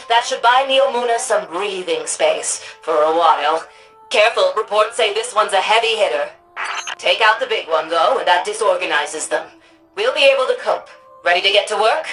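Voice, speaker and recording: An actress playing an authoritative, wry older female city administrator in a sci-fi game, delivering scripted mission dialogue in a crisp, commanding manner. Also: medium pitch, a bit bright, natural voice, poor audio. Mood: brisk, businesslike.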